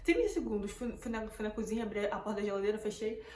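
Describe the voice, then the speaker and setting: A woman's voice: medium pitch, lively intonation, fast talker, darkish tone. A young woman with a Brazilian Portuguese accent, retelling a tense night to her viewers in casual, emotional storytelling that keeps repeating words. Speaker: vlogger. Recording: echoey room, faint background noise.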